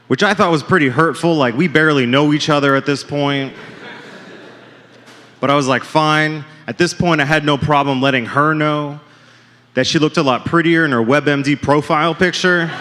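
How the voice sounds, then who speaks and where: A man's voice: on the high side, normal speed, bright, forceful tone, a little hiss or hum. A man doing a stand-up set on a comedy club stage, with self-deprecating, punchline-driven jokes, often calling the crowd folks. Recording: live club with long reverb.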